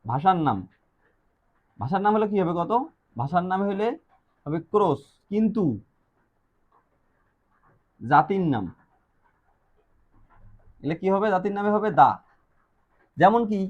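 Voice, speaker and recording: A man's voice: sits high, animated, takes it slowly, long pauses. Male Bangladeshi teacher, lo-fi. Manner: asks and answers his own questions. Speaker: English teacher. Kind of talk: classroom-style grammar lesson. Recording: dull lo-fi recording.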